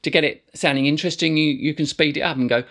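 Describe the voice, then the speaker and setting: A middle-aged man teaching didgeridoo techniques in a relaxed, rambling way, full of fillers and restarts. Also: fairly high pitch, fast talker. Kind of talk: casual instructional explanation.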